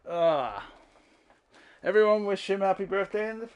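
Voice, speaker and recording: A man's voice: high-pitched, clear, resonant tone, highs cut off. Profane chatty male game streamer. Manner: profane, chatty, laughs often. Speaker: livestreamer. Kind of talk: casual gameplay commentary. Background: game audio.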